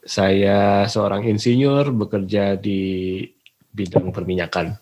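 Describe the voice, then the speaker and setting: A man in his forties, from Indonesia, a podcast guest speaking slowly and hesitantly with many fillers. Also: on the low side, steady tone, darkish tone. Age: 40s. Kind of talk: casual conversation.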